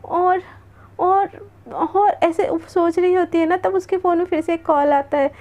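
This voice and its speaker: A woman's voice: very high-pitched, fairly even intonation, brisk, warm tone. A woman telling a romance story in a casual, chatty way, linking each line of dialogue with "then she says".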